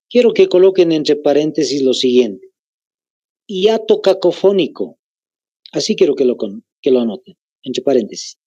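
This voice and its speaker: A man with a Bolivian Spanish accent teaching a grammar lesson, slowly repeating phrases so students can take notes. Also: fairly high pitch, dark tone, no room sound, lo-fi sound.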